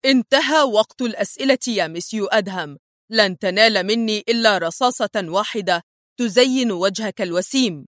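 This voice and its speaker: A woman's voice: brisk, fairly bright tone, no room sound, close to an everyday voice. A woman voicing a fierce young female spy who threatens with a pistol, in a dry, close storybook reading. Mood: threatening. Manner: shrill, threatening.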